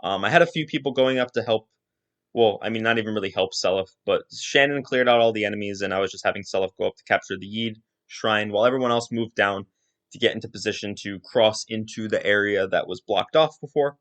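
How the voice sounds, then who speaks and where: A man's voice: fairly low pitch, fast, a bit bright. A man hosting a casual solo podcast, rambling through his thoughts with lots of restarts and asides. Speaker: podcast host.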